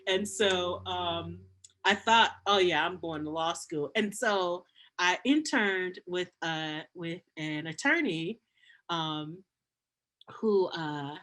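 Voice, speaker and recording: A middle-aged woman, a university dean, telling stories in a casual interview, animated and acting out the voices she quotes. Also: fairly low pitch, slow. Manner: animated, acts out quoted voices, frequent restarts.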